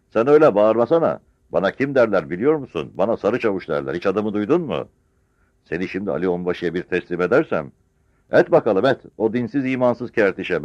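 A very old, stooped war veteran scolds and boasts defiantly in a raised, booming voice, performed by a male narrator. His pitch swings widely, and the dull, lo-fi sound is dry and close. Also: darkish tone, dry recording, natural voice.

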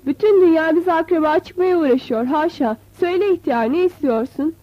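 A woman's voice: extremely high pitch, normal speed, voice pushed up. A woman doing a mocking, haughty rich landowner. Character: scornful rich middle-aged landowner man. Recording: dull, slightly lo-fi.

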